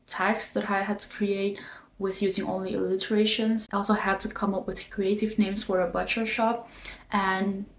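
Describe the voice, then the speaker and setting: A young adult woman whose first language is neither English nor German vlogs as a design student, explaining things in a relaxed way full of "like" and "um." Her voice is medium-pitched and moderately paced, recorded in an echoey room with faint background noise.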